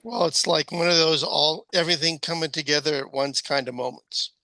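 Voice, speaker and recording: A man interviewing, giving short, gentle replies. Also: on the high side, steady tone, a little fast, no room sound.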